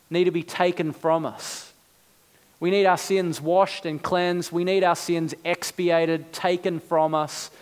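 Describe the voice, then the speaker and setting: A man preaching a sermon, earnest and building to fervent, slow emphasis on key words. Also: sits high, clean tone. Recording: long hall reverb.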